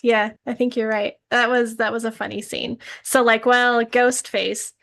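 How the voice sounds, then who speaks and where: A woman's voice: fairly high pitch, level tone, measured pace, creaky, fairly bright tone. Chatty woman reviewing a movie. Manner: chatty, laughs often, asks questions. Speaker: host. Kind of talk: casual movie review chat.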